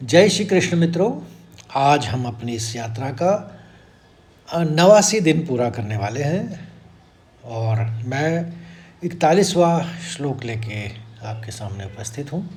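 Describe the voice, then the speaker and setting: A man teaching a sacred Sanskrit verse, explaining it slowly and deliberately and chanting the lines again and again. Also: mid-range voice, very animated, darkish tone. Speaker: Gita teacher. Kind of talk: devotional verse lesson.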